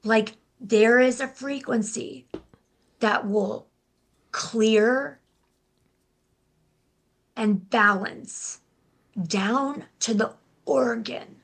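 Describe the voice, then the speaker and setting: A young adult woman speaking as a guest in a casual interview, often restarting her sentences and filling pauses with "like". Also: on the high side. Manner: halting, restarts, many "like" fillers. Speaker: guest, intuitive healer and life coach.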